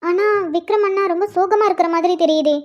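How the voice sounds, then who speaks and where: A woman's voice: very high voice, fast, darkish tone. A woman voicing a chatty, teasing young woman in a cartoon. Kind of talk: cartoon voice acting. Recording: dull lo-fi sound.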